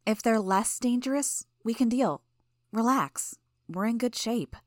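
A woman reading voices a calm young woman who reassures her friends with easy reasoning. The voice sits higher and brighter than the narration, and the sound is dry. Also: a little slow, no room sound, lightly acted. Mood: reassuring. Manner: soothing, reasoning.

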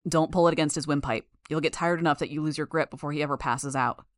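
A woman voicing a big male mentor figure who calmly explains fighting technique. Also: deep voice, quick pace, no echo, lightly acted. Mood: instructive. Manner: calm, instructive. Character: gruff large male mentor with an echoing voice.

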